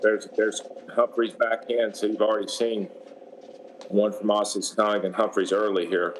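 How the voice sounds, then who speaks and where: A man's voice: lowish voice, little pitch movement, moderate pace, slight background noise, poor audio. A man giving color commentary on a platform tennis match, conversational and often restarting his sentences. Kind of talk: sports commentary.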